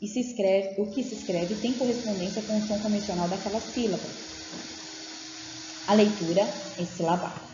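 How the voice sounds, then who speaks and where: A woman's voice: medium pitch, normal speed. A woman leading a teacher training lecture, explaining patiently and often checking in with her listeners. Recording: dull, echoey room audio with faint noise.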